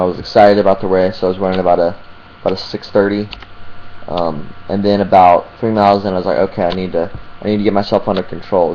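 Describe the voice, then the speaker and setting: A man with a very low voice talks casually to his vlog audience. He speaks haltingly, searching for details as he goes. The sound is dull and muffled, with an electrical hum behind him. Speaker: vlogger. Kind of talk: casual vlog talk to camera.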